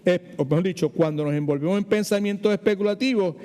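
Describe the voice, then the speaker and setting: A man's voice: high voice, fast talker, mellow, long reverb tail. A man, an older Puerto Rican pastor, teaching a Bible study in a chatty, digressive way and mixing English words into his Puerto Rican Spanish. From Puerto Rico. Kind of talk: informal sermon teaching.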